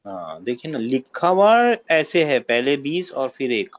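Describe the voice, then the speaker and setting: A man teaching an online Arabic class, patient and encouraging, calling on students by number and correcting them gently. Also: medium pitch, sing-song, a little slow, muffled recording.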